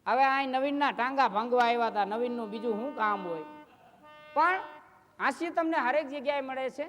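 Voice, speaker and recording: Man, high voice, live comic storyteller, long hall reverb. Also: fairly quick, fairly bright tone, faint music behind. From Gujarat, India. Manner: chatty anecdotal storytelling, acting out neighbours' questions. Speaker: folk comedy storyteller. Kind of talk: live stage comedy storytelling. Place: live stage show.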